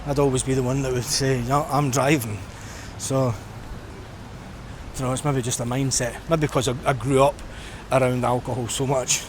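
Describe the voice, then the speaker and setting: A middle-aged Scottish vlogger talks in an easygoing, reflective, conversational manner as he walks a busy stretch of seafront. He keeps a moderate pace at a medium pitch with little pitch movement, over outdoor street noise and traffic.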